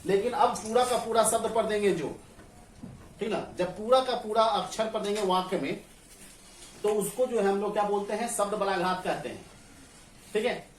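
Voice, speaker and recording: A man's voice: sits high, normal speed, long pauses, a little hiss or hum. A male teacher gives a grammar lesson in a classroom. He asks the class questions, answers them himself and keeps checking that everyone understands. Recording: echoey room, far from the mic, faint ambience.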